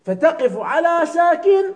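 Male cleric-teacher, high voice, questions students constantly through a jurisprudence class. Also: very animated, a little slow, rough recording. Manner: keeps asking students "clear?" and quizzing them. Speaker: religious teacher. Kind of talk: seminary jurisprudence lesson.

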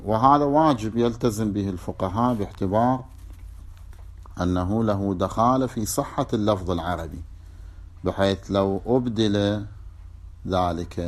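A man with an Iraqi Arabic accent delivers a lecture on religious law in a lowish voice. He works through each point methodically, repeating examples and contrasting right and wrong pronunciation. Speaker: religious teacher.

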